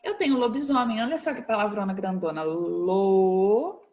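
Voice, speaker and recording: A woman's voice: fairly high pitch, lively intonation, quick pace, phone-quality sound. A Brazilian woman teaching a recorded online class to young children, patient and coaxing, checking in often with short questions. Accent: Brazilian Portuguese. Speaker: primary school teacher.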